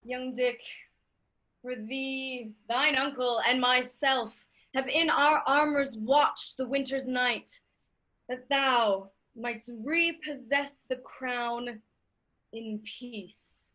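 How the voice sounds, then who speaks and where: Woman as fond victorious king, high voice, slow measured delivery, classical verse. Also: pushed and bright, exaggerated voice, poor audio. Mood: tender triumph. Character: triumphant, affectionate King Edward, royal father. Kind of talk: classical verse stage acting. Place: remote video-call staged reading.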